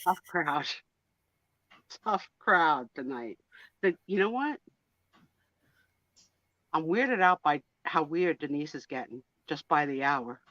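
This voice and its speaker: A bright, forceful woman co-host cracks jokes over a muffled, underwater-sounding headset mic. The sound is dull and lo-fi, and the remote line is dry. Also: deep voice, animated, takes it slowly, long pauses, dry recording. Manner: joking, teasing. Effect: muffled underwater-sounding headset audio. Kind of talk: casual live-stream chat.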